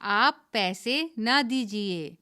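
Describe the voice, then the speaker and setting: Woman repeating lesson sentences, clear and careful, dry close recording. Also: a little high, animated, sharp tone, no room sound. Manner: careful, slow repetition of sentences. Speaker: model learner repeating sentences. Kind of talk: scripted lesson repetition.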